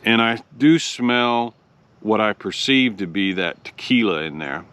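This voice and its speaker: A man from Oklahoma hosting a casual review, explaining things in a measured, deliberate way. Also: on the low side, expressive, fairly bright tone, clean tone. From Oklahoma, United States. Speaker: pipe tobacco review host.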